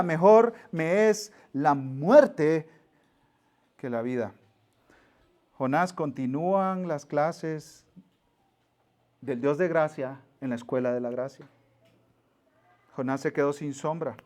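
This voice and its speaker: A middle-aged man, preaching a sermon as pastor, telling stories with acted-out voices and sudden quiet, intimate asides. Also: on the high side. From Mexico. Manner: animated storyteller, acts out voices, drops to near-whisper for emphasis.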